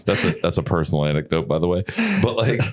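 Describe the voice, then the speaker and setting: A man's voice: low voice, fast. A man co-hosting a podcast about dog training, talking casually and animatedly, often slipping into quoted voices.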